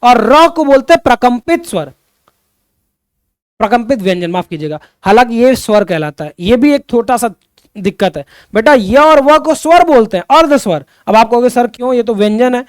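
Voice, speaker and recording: A man's voice: very high voice, very animated, normal speed, clean tone, no echo, clean studio sound. A man teaching Hindi grammar to students in an online lesson, often repeating his questions and calling his students children. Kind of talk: classroom-style online lesson.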